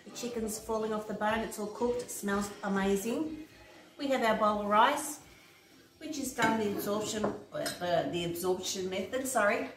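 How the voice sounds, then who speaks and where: A middle-aged Australian woman with a mid-range voice at normal speed gives a casual, step-by-step recipe demonstration while busy at the stove in her home kitchen. A camera mic a few steps away captures roomy, distant, noisy sound, with pots and dishes clattering and food sizzling.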